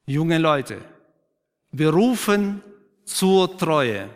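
A man preaching a sermon who questions the congregation, affirms their answers, and drops to a quiet, emphatic tone for key points. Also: on the high side, sing-song, very slow. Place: church. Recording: long reverb of a church hall.

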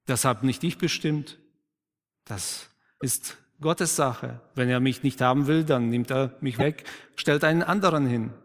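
A man preaching a sermon who questions the congregation, affirms their answers, and drops to a quiet, emphatic tone for key points. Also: medium pitch, measured pace. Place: church. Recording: long reverb of a church hall.

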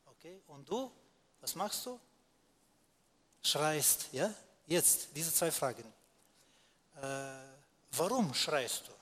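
A man's voice: a little high, animated, takes it slowly, pushed and bright. A man teaching in a sermon, explaining step by step and answering his own rhetorical questions, with frequent hesitations.

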